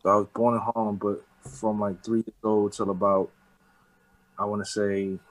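A Bronx man in his forties with a New York accent speaks as an interview guest, loose and street-casual, often saying "you know what I'm saying." His voice is lowish with little pitch movement at a normal speed, and the recording quality is low.

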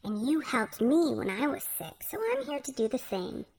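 Kind tiny fairy, high and soft, slightly gravelly edge, put on by a woman storyteller. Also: very animated, normal speed, heavily acted. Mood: gentle. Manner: soft, patient, coaxing. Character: kind gentle female fairy healer.

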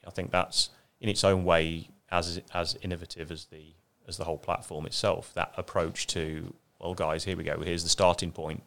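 Guy in his 50s, deep and gravelly, rambling bit self-deprecating chat. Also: level tone, moderate pace, hardly any pauses, fairly bright tone. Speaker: guest. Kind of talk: casual chat.

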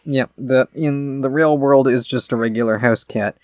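A man's voice: mid-range voice, moderate pace, dry recording, clean studio sound. A man co-hosting a podcast in casual chat, rambling through explanations with many fillers. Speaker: podcast co-host.

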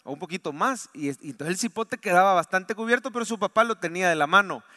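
A man with a Salvadoran Spanish accent preaching a sermon in church, telling a story softly, then rising to loud, fervent exhortation. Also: high-pitched, expressive, fast. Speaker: pastor. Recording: long hall reverb.

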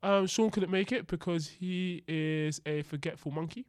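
A man's voice: sits high, normal speed, clean tone, dry recording, studio quality. A man with a London accent co-hosting a podcast, bantering and telling anecdotes in slangy, jokey speech that often repeats phrases. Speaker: podcast co-host. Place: podcast studio.

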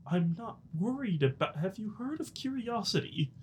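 A man with an animated, swinging intonation plays a tabletop role-playing game. He narrates his character in a casual, wry, conversational way. The recording is clearly noisy. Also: high voice, normal speed.

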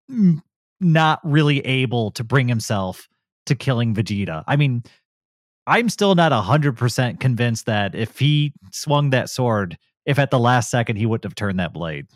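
A man chatting in a relaxed podcast conversation, quick to laugh and talking things through as they come to him. His voice has a medium pitch. The sound is dry and close, with no noticeable room. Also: dry recording. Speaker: podcast co-host. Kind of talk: casual review chat.

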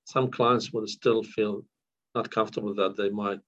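On dull, lo-fi podcast audio, a low-voiced man, a counsellor from northern Iraq whose first language is Kurdish, is interviewed. His tone is steady and fairly bright at a moderate pace, yet he hesitates a lot, with many fillers and restarts.

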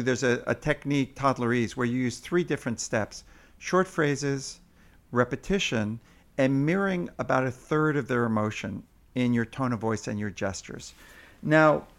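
A man's voice: medium pitch, normal speed, gravelly, fairly bright tone. A man in an interview explaining parenting techniques, now and then acting out sing-song parent voices. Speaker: parenting expert guest.

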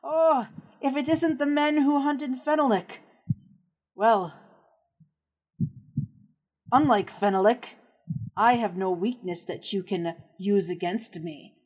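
A woman's voice: a little high, slow pace, long pauses, a little mellow. A menacing male villain from a tabletop horror game, acted out by a woman. He is smug and sly, taunting with theatrical, gloating confidence. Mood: gloating menace.

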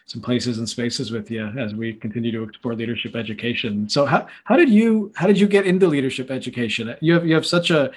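A man co-hosting a podcast interview who talks in a warm, halting way and repeats words as he starts phrases. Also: medium pitch, husky. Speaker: podcast co-host.

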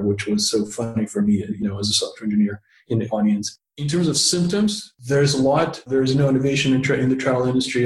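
A man with a slight Russian accent answering conversationally as an interview guest. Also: medium pitch. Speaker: interview guest, tech startup co-founder. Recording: roomy, echoey sound.

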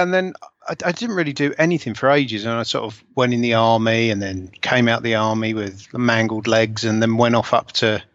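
A man's voice: mid-range voice, fairly bright tone, no echo. A man in his forties with an Essex accent, chatting casually and self-deprecatingly about himself as an interview guest. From Essex, England. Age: 40s. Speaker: interview guest, scale model hobbyist. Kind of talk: casual conversation, telling life story. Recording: slightly dull, lo-fi voice recording.

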